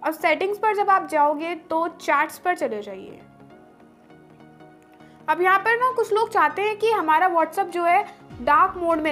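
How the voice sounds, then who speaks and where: A woman's voice: extremely high pitch, a bit bright. A young woman hosting a tech video, walking viewers through phone settings step by step in a friendly tone.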